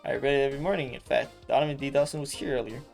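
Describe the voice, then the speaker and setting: A man's voice: mid-range voice, fairly even intonation, racing, creaky, darkish tone, faint music behind, natural voice. A man reading the lines of a chatty young woman intern who rambles bluntly and swears. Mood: ranting.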